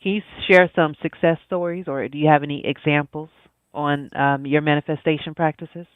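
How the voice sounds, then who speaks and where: A man's voice: fairly high pitch, steady tone, moderate pace, clean tone, dry recording. A man hosting an interview, affirming and encouraging his guest. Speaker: podcast host. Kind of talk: conversational interview. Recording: dry, tinny phone-like line.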